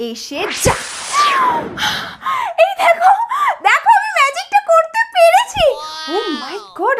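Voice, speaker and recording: A young woman playing an elder daughter stuck as a clumsy lamp genie in a family comedy skit, talking in a dramatic, whiny, theatrical way. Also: fairly high pitch. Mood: playful. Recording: music playing under the voice. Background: background music.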